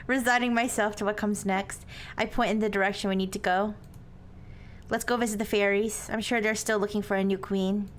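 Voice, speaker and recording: A woman's voice: fairly even intonation, brisk, close to an everyday voice. Woman as Madison, earnest young heroine, faint noise. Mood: solemn, tender. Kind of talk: visual novel read aloud. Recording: noisy, low rumble behind.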